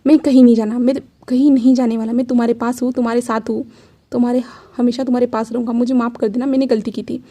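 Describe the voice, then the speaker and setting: A woman voicing a steady, reassuring young man who soothes and gently scolds. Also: fairly high pitch, fast, lightly acted. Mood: soothing. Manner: soothing and firm. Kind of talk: fan fiction storytelling.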